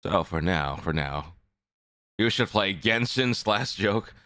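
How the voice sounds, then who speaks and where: Man, low-pitched, crisp clear voice, casual livestream host chatter, rambling, repetitive phrasing, close dry sound. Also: animated, takes it slowly, sharp tone, no room sound. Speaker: live streamer, VTuber host. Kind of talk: casual livestream chat with viewers.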